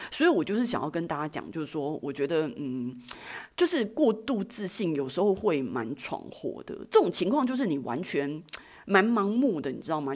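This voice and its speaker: A woman, hosting a podcast and telling a self-mocking story in a casual, animated way, with frequent "you know?" asides. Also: low-pitched, slightly rough. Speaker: podcast host.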